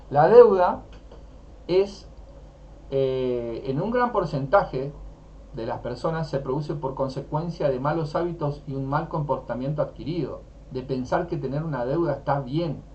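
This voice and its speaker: A man with a Rioplatense accent teaching personal finance, speaking emphatically and asking rhetorical questions while nursing a sore throat. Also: fairly high pitch. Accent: Rioplatense Spanish. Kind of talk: teaching talk. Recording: dull lo-fi with faint noise.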